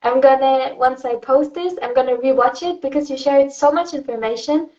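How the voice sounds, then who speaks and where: High-voiced gushing German woman host. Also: moderate pace, a little mellow. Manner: effusive, gushing praise. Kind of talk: interview conversation. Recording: dull lo-fi audio.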